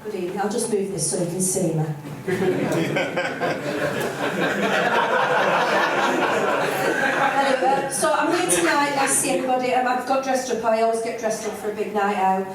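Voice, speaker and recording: A woman's voice: on the high side, unhurried, pauses often. Older northern woman doing stand-up, distant and echoey. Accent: Lancashire. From North West England. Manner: blunt, self-mocking, broad northern delivery. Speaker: stand-up comedian. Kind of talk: stand-up set. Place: comedy club stage. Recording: roomy and distant with audience noise.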